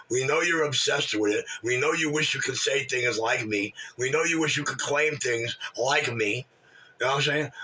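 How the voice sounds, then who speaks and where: A man in his sixties, a regular on a call-in chat room show, brags and trash talks with brash profanity in casual chat. His medium-pitched voice is bright and forceful, picked up by a distant mic.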